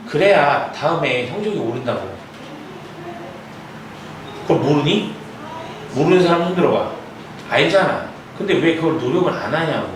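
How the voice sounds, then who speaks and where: A young man tutoring math at an academy classroom, lecturing and scolding his students, checking in with them constantly. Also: fairly high pitch. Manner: scolding, lots of quick check-in questions. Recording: very echoey room, mic far off, noisy.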